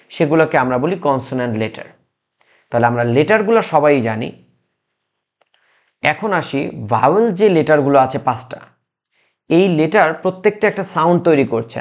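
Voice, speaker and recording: Patient male grammar teacher, muffled sound. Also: a little high. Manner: slow, patient explaining with many restarts and fillers. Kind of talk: recorded classroom lesson.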